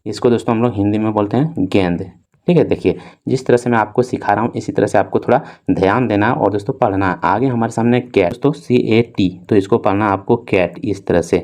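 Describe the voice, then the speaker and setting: This mellow, slightly low-voiced young man is giving an English reading lesson. Letter by letter, he draws out the spelling of words while repeating "dosto" and "theek hai" again and again.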